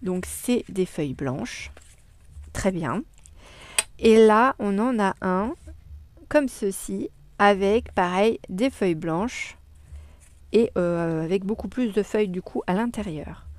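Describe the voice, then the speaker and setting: A woman's voice: mid-range voice, expressive, slow pace, a little mellow. A woman chatting casually in a crafting vlog at her home desk, cheerful and enthusiastic, with frequent hesitations and filler sounds. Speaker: crafting vlogger.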